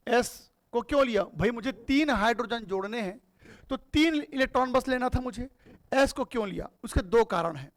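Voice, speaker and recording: Man, chemistry teacher, very high voice, asks and answers his own questions. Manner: asks questions and answers them himself, calls students "beta". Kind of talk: classroom lecture.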